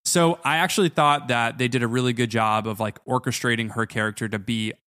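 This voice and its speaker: A man's voice: mid-range voice, fairly even intonation, fairly quick, pushed and bright, clear, resonant tone, dry recording. Thoughtful man on a dry podcast mic. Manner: thoughtful, analytical, many hedges. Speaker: podcast co-host. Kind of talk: casual TV recap chat.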